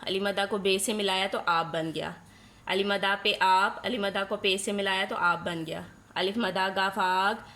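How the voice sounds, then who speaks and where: A woman teaching a nursery class, with a mid-range voice. She stretches out each letter and sound for small children, pausing to ask questions and then answering them herself. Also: mid-range voice, fairly bright tone. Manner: slowly spells out letters and sounds for young children.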